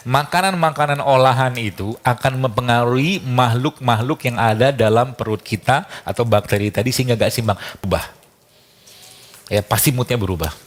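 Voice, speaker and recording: Man, casual talk, anecdotes, frequent chuckles, mid-range voice. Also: mid-range voice. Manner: lively, chuckles often, acts out quoted dialogue.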